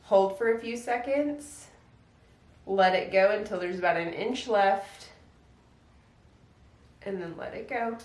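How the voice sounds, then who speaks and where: A woman's voice: medium pitch, slow, long pauses. A young woman, a stay-at-home mom, chatting casually through a step-by-step get-ready-with-me routine at home. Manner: chatty, relaxed, step-by-step how-to with lots of "like". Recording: echoey room, voice a bit distant.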